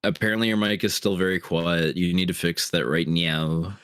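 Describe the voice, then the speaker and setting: Man, lower pitch, dry teasing humor, casual call chat, dry sound. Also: steady tone, normal speed, fairly bright tone, smooth, no room sound, raised voice.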